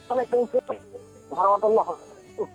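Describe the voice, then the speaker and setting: A man calling in to a radio show, giving short, halting answers while his phone line keeps breaking up. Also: high-pitched, soft background music. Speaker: caller. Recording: tinny, choppy phone line.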